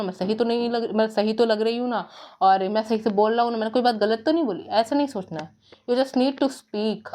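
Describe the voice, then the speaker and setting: A woman giving an earnest motivational talk on speaking confidently, repeating her points and saying English phrases slowly. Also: a little high, darkish tone. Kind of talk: self-help talk to camera.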